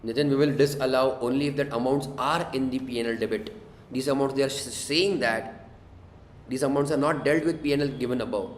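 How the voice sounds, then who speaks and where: Man, Indian accent, classroom tutor, questioning and prompting, medium pitch, roomy echo, faint background noise. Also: fairly quick. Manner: prodding students with questions and short tag checks. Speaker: tax tutor teaching a class. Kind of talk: interactive classroom lesson. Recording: echoey room with faint noise.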